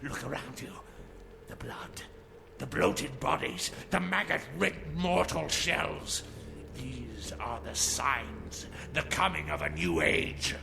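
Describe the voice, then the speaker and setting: A heavily creaking, slow-paced vampire villain from a video game, crazed and grandiose. He preaches with overacted, theatrical menace in a gravelly, breathy rasp, with music clearly behind him. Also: mid-range voice, lively intonation, full character voice. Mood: grandiose, fanatical. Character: crazed, grandiose male sewer vampire cult leader. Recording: game audio with background music.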